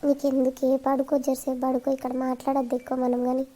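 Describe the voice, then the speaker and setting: A woman voicing a caring elder sister in a cartoon, speaking with a Telangana accent and soothing others with gentle scolding. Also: high voice, completely flat delivery, fast talker. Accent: Telangana Telugu.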